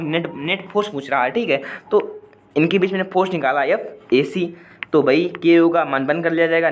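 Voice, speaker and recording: Guy teaching physics problems, kinda high voice, chatty, repeats stuff a lot, faint hiss behind. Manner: chatty, repeats points, asks viewers to comment, hums a song line at times. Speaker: physics tutor. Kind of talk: explaining worked numericals in a video lesson.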